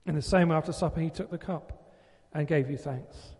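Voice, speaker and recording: Priest intoning with cathedral echo. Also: male voice, on the high side, mellow. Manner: measured, formal liturgical recitation. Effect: long cathedral-like reverb. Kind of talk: leading a Eucharistic prayer. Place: large church. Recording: long reverb in a large church.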